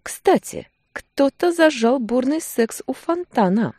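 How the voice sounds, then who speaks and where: A woman's voice: high voice, animated, slow pace, darkish tone, no room sound, voice pushed up, heavily acted. Woman voicing a playful, teasing young wife.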